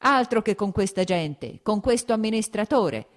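A woman reading an audiobook, voicing an irritable male landowner who shouts exasperated questions at his steward. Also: lowish voice, big pitch swings, fairly quick. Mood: angry.

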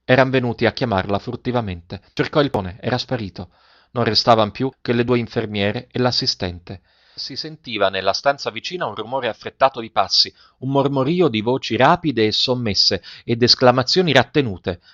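A man narrating a story in a measured, dramatic reading style. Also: mid-range voice, a bit bright, no echo, highs cut off.

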